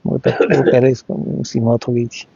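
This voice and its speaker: Halting middle-aged man, dark voice. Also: mid-range voice, little pitch movement, gravelly, slightly rough, no room sound, lo-fi sound. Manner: halting, repeats words, acts out dialogue. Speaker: interviewee, father of the deceased boy. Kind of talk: emotional first-hand account in an interview.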